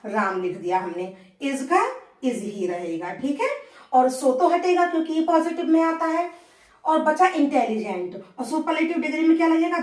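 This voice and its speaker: A woman with a high voice explains grammar rules step by step, checking in often with a rising "okay". She slows right down to dictate example sentences word by word. The sound is roomy and echoey, picked up from some way off the mic. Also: far from the mic. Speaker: English grammar teacher. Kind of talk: blackboard grammar lesson.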